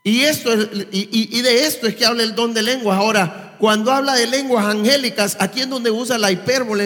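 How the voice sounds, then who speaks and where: High-voiced preacher in a reverberant church. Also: male voice, a bit bright. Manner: quizzes the congregation with rhetorical questions. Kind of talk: sermon. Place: church service. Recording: long reverb of a church hall.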